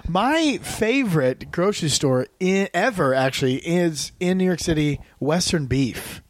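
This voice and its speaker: A man's voice: fairly high pitch, unhurried, no echo. A man co-hosting a podcast, rambling through stories in casual chat with lots of fillers. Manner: rambling, animated storytelling with many fillers. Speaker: podcast co-host.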